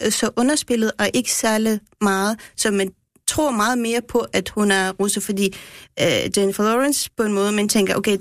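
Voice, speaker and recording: A woman guest explains her views in a casual radio discussion, often restarting her sentences. Her voice sits at a middle pitch. The studio sound is dry and close. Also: dry recording. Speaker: guest critic who speaks Russian.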